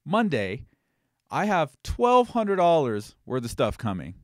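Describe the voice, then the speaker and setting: A man's voice: on the high side, huge pitch swings, unhurried, no room sound. Rambling male live-stream host, dry sound. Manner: rambling, gets heated and swears.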